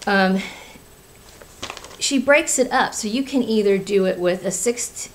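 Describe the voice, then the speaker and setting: A woman's voice: mid-range voice, measured pace, poor audio. A woman hosting a casual craft video, chatting candidly with many fillers and restarts, from Florida and working as a teacher. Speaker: craft podcast host.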